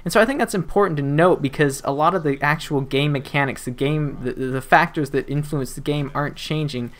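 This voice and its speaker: A man's voice: fairly high pitch, brisk, fairly bright tone. A young man, talking casually over his gameplay footage as a gaming YouTuber, rambling with plenty of fillers and joking asides. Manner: rambling and chatty, with frequent fillers and restarts and playful asides.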